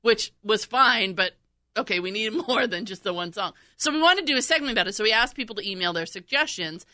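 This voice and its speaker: A woman's voice: medium pitch, lively intonation, brisk, sharp tone, dry recording. A woman co-hosting a casual podcast, chatty and giggly, reading listener emails aloud. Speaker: radio producer and podcast co-host. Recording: dry studio sound with faint music.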